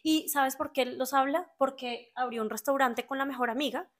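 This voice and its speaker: A woman's voice: sits high, moderate pace, a bit bright. A woman with a Colombian accent in a casual, slangy chat, laughing often.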